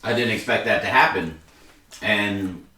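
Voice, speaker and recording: A man's voice: lowish voice, a little slow, sharp tone. A man telling a rambling story in a laid-back way while he eats. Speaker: mukbang co-host. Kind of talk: casual chat while eating. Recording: echoey room, mic far off.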